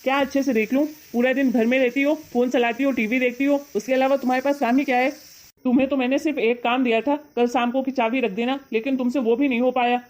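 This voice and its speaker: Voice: medium pitch, steady tone, normal speed, few pauses, mellow, close to an everyday voice. A voice actor playing a young husband who complains to his wife and backs down before his mother in a cartoon story. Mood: complaining. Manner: complaining, then apologetic. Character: young husband, grumbling then sheepish. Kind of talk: cartoon voice acting.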